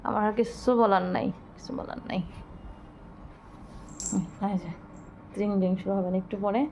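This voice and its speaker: A woman filming her pets at home at night, coaxing and scolding them in a lively, affectionate way. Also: medium pitch, fast, creaky, slight background noise. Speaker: pet vlogger. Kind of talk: casual vlog narration.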